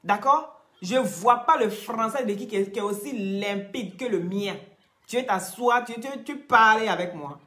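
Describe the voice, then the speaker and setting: A woman's voice: medium pitch, moderate pace, bright, forceful tone, echoey room. A woman from Cameroon with a Cameroonian French accent, talking on a live stream in a mocking, scolding way and repeating her points. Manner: mocking, scolding, repeats herself, breaks into laughs. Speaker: social media live streamer.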